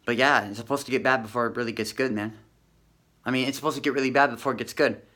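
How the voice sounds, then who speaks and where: A man's voice: medium pitch, steady tone, fast talker, sharp tone. A young man ranting to camera in a heated, repetitive way, swearing and tacking "man" onto his lines. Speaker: vlogger. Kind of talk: agitated rant to camera.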